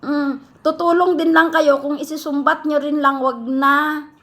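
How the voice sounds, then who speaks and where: High, bright-voiced Filipina woman scolding critics. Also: fairly even intonation. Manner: confrontational, scolding, rapid rhetorical questions. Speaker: vlogger answering critics. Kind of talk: heated direct-to-camera rant.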